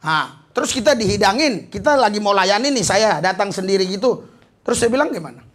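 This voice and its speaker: A high-voiced male pastor from Indonesia preaching a lively sermon, telling a story and scattering hallelujahs between lines. His voice is husky, and his speech slips into easy, slangy talk. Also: a little fast. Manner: animated storytelling, peppered with hallelujahs.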